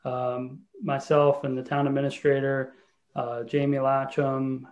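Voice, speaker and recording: A man chairs a town council meeting as mayor, his voice level and flat with little rise or fall. He speaks haltingly, leaning on fillers and restarts as he moves through the agenda. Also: medium pitch.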